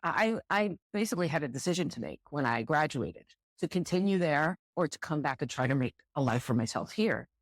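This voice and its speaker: Here a director of student housing, a middle-aged woman from the United States, chats as a guest in a relaxed interview, her low-pitched voice animated and brisk with few pauses. She is candid and thoughtful, echoing words as she gropes for what to say. The sound is dry.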